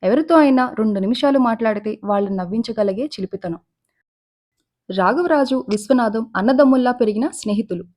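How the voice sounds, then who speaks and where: Woman narrating a story, measured and calm. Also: on the high side.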